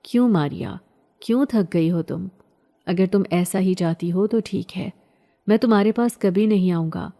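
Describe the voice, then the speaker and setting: A possessive male jinn spirit from a haunted tree, as a woman reader puts him on, staking his claim in a low, insistent tone. The voice stays warm and mellow rather than harsh, a horror storybook figure. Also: natural voice. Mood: wounded. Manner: claiming, menacing.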